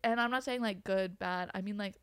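A young woman co-hosting a podcast in casual chat, playful and quick to laugh, dropping into soft asides, her throat a little rough. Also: medium pitch, dry recording. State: slightly throaty, clearing throat. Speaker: podcast co-host.

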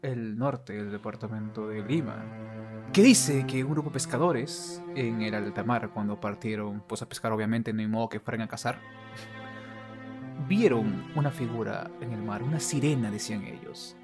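A man's voice: fairly low pitch, moderate pace, over music. Joking Peruvian man telling a legend. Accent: Peruvian Spanish. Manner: crude, joking, animated. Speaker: podcast co-host. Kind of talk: comic storytelling.

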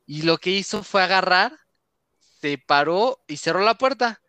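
A young man with a Mexican accent telling a funny story in casual chat, animated, often laughing and acting out what he said. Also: high voice, unhurried, smooth, no room sound. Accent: Mexican Spanish. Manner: animated, laughs often, acts out his own lines.

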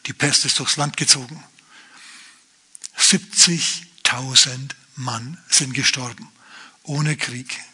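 A male pastor preaching a lively, chatty sermon, often turning to his listeners with asides. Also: medium pitch, takes it slowly, long pauses, husky.

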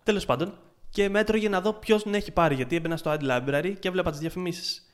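A man talks fast and loose on a business podcast, his voice sitting fairly high. He restarts his sentences often and gets worked up as he goes. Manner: excitable, swearing, retelling frustration with many restarts. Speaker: podcast co-host, freelance ads marketer. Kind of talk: casual podcast chat.

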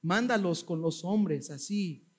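Man doing greedy scheming prophet, high voice, slow sly advice, sermon retelling. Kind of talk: sermon storytelling.

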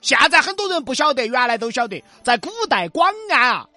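A man with a Sichuanese accent, co-hosting a comic travel show with animated back-and-forth banter. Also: very high-pitched, brisk, dry recording, faint music behind. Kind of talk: scripted comic crosstalk about local culture.

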